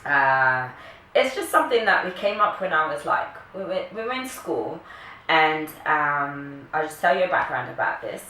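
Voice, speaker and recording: A woman's voice: low-pitched, lively intonation, moderate pace, sharp tone. A woman, chatting casually and playfully to camera as a vlogger. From Kenya, later the UK. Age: early 30s. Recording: echoey room, distant mic, faint noise.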